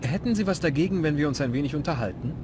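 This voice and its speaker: A man's voice: on the high side, expressive, racing, background noise, close to an everyday voice. A man voicing a young adventurer in a fan-dubbed adventure game, dry and self-mocking. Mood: wry. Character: wry young male adventurer.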